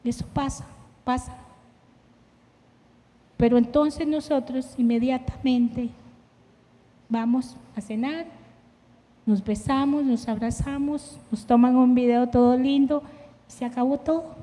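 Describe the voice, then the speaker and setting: A woman's voice: high voice, steady tone, a little slow, pauses often, warm tone. A middle-aged woman preaches a sermon on marriage, earnest and personal, sharing stories from her own life. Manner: earnest, personal and emotive, with self-deprecating anecdotes. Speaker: church leader preaching with her husband. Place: church sanctuary. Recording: long reverb of a church hall.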